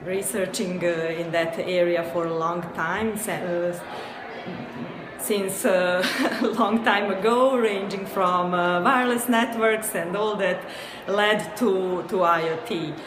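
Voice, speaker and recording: Unhurried Serbian-accented woman, echoey crowd. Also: lowish voice, noisy background. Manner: hesitant, many fillers, light laughs. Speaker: guest, company co-founder. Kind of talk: interview answers. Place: noisy event venue. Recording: echoey busy venue with crowd.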